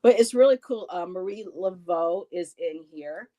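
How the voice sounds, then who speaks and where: On the low side and warm, her voice moves at a moderate pace. This fifty-something live stream host rambles through a casual chat with a friend, reads out comments from viewers and laughs often.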